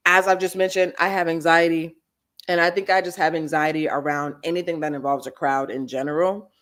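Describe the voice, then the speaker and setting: A woman, hosting a live chat show and telling casual stories with big swings in pitch. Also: steady tone, brisk, fairly bright tone. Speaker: host. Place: Los Angeles.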